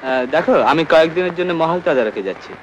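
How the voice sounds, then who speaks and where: An actor playing a commanding landlord who gives curt, impatient orders in an old Bengali film. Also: male voice, fairly high pitch, lively intonation, quick pace, muffled recording, background noise, natural voice.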